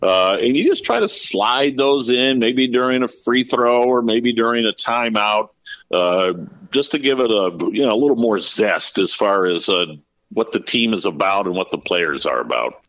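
On a conversational podcast, a man in his fifties who does radio play-by-play for basketball goes into detail about his work. He speaks at a moderate pace in an expressive, lowish voice with a fairly bright tone, and there's no echo.

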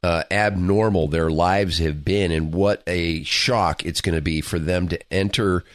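A man co-hosting a talk radio show, chatting casually and pausing often on fillers, just over the flu. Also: deep voice, steady tone, no echo, studio quality. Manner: conversational, frequent fillers and restarts. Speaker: radio co-host.

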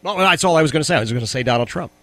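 A man's voice: on the high side, expressive, very fast, pushed and bright, no echo. A man hosting a radio talk show, speaking casually off the cuff, interrupting himself and repeating phrases for emphasis.

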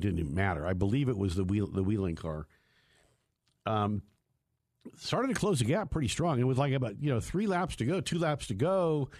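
A man's voice: mid-range voice, darkish tone, no echo. A man hosting a motorsport radio show in a studio, telling stories in a rambling, self-mocking way. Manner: chatty, storytelling, self-mocking. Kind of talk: rambling casual radio talk.

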